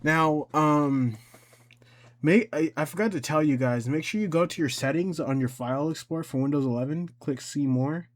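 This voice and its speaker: The tutorial host is a man with a somewhat high voice, giving a relaxed, unplanned software demo. He narrates his thoughts aloud, with hesitant repetitions and self-corrections along the way.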